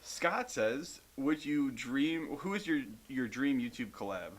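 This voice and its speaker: A man co-hosting a podcast in a loose question-and-answer chat. He reads out viewer questions in a steady, middle-pitched voice and then answers them offhand, with some swearing. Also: takes it slowly. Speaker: podcast co-host. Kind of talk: casual Q&A chat.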